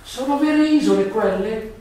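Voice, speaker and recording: A man voicing an earnest, indignant young prince in a storybook read aloud, his voice lifted high and exclaiming. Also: moderate pace, mellow, a little hiss or hum, natural voice. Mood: astonished. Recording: echoey room, voice far from mic.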